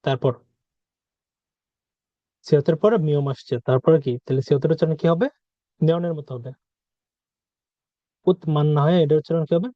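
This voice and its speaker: Man teaching with slow repeated examples. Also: fairly high pitch, no room sound, lo-fi sound. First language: Bengali. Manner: repeats example words slowly and asks questions aloud. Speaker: language teacher. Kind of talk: explaining a language lesson.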